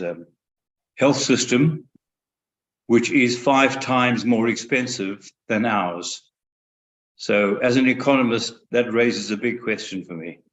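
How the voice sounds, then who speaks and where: Male economist, emphatic questioner, low voice, dull lo-fi recording. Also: a bit bright. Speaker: guest economist. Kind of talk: discussion, making a point. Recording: dull lo-fi sound.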